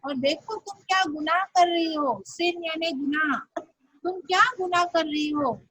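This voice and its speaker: A woman teaching English, reading story lines slowly and explaining each word in Hindi. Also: very high voice, fairly bright tone, no echo, low-quality recording.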